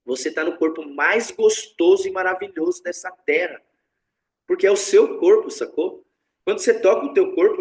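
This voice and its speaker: A man teaching tantra in a casual spiritual talk, blunt and slangy, often swearing and acting out what other people say. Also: high voice. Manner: blunt, slangy and profane, animated, acts out quoted voices.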